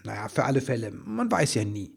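A man voicing a proud, quick-tempered female Christmas elf in a storybook reading, husky and emphatic. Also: mid-range voice, big pitch swings, full character voice. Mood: insistent.

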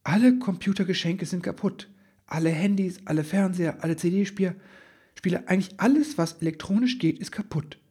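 A man voicing a proud, quick-tempered female Christmas elf in a storybook reading, husky and emphatic. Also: high-pitched, dark tone, pitched above the performer's own voice. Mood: dismayed.

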